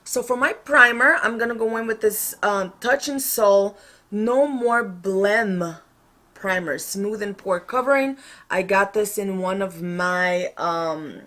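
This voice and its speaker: A woman's voice: medium pitch, measured pace, fairly bright tone. Chatty woman doing a casual makeup tutorial. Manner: chatty, informal, thinking aloud. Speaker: makeup vlogger.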